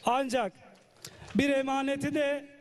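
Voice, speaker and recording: A man from Turkey giving a public thank-you speech at a village wrestling festival in a formal, deliberate manner. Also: extremely high pitch, steady tone.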